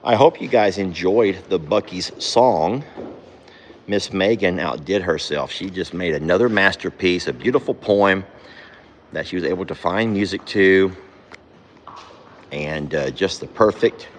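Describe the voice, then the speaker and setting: A man talks casually in a low voice while working in a barn. He coos at his animals and jumps to a much higher pitch when he scolds them. A faint hiss sits behind him. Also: unhurried. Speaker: farm vlogger. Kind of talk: casual vlog chat while doing barn chores.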